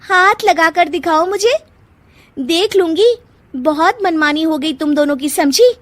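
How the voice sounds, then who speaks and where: A woman voicing a sharp-tongued young wife who argues back in shrill, combative retorts, for a cartoon. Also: measured pace, noisy background. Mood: defiant.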